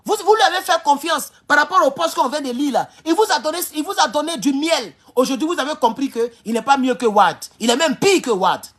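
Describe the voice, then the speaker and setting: A man's voice: very high voice, lively intonation, fairly quick, few pauses, a bit bright. A man hosting a livestream, making an impassioned address to his viewers and repeating his rallying calls. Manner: fiery, repetitive, rallying. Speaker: livestream host.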